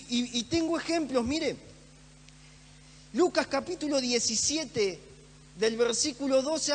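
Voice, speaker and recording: A man preaching a sermon in a church, earnest and emphatic, repeating phrases for stress. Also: very high voice. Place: church hall. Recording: echoey church hall with faint hum.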